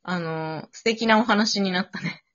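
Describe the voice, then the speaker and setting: After an improv drama, a woman chats casually, shifting between polite and informal speech. Her medium-pitched voice is a bit bright and a little slow. The audio is dull and lo-fi.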